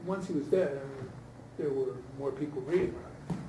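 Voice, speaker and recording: At a post-reading talkback, a male scholar in the audience offers informal spoken critique, hesitant and thinking aloud in the group discussion. His voice is mid-range and moderately paced. Recorded indoors far from the mic, it sounds distant and roomy with background noise.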